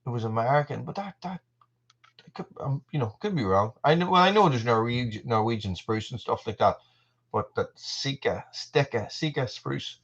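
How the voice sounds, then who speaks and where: A man's voice: mid-range voice, expressive, moderate pace, fairly bright tone, breathy edge, dull audio. An Irish man in his forties hosting a casual live stream, rambling along with lots of fillers and restarts. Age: 40s. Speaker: channel host.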